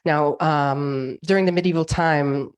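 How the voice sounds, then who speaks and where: Speaking through a video call microphone, a Californian woman whose voice sits low delivers a winery slide lecture; she's smooth and unhurried with fairly even intonation, yet chatty and full of ums and uhs.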